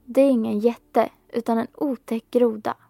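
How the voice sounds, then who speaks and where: A woman's voice: fairly high pitch, steady tone, gravelly, mellow, no room sound, clean studio sound, faint music behind. A woman voicing a spoiled young princess who complains to her father. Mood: fretful. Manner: complaining, fretful.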